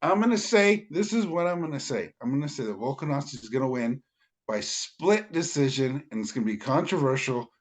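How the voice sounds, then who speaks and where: On a casual MMA podcast, a male co-host talks in a heated, emphatic way, often stammering as he restarts sentences. His mid-range voice is animated and a little fast.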